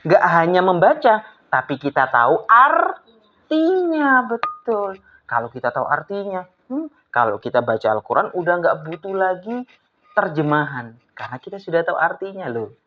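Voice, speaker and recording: A woman teaching an Arabic class to children, coaxing her pupils with lively questions. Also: on the low side, normal speed. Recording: slightly dull lo-fi with faint noise.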